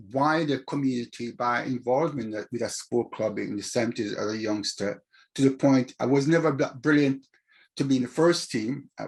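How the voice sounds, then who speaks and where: An older man with a Caribbean accent, talking reflectively as an interview guest about his own experience. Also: mid-range voice. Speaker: interview guest, community activist.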